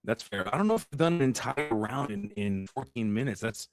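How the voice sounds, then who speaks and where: A man calls a card game match live, chatty and excitable, laughing often between plays. His voice sits mid-range and comes through dry and close. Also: medium pitch, fairly quick, dry recording. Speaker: caster.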